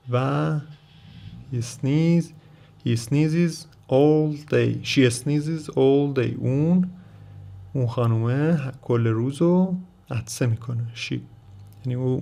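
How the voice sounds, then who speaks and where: A Persian-speaking man teaching English vocabulary, reading each English phrase slowly and then explaining it. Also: medium pitch, vocal fry, warm tone. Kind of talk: vocabulary lesson.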